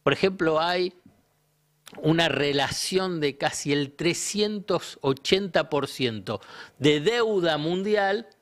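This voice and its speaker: A man's voice: fairly high pitch, takes it slowly. A man with an Argentine accent, a guest economist on a talk show, explaining ideas didactically by asking questions and answering them himself. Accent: Argentine Spanish.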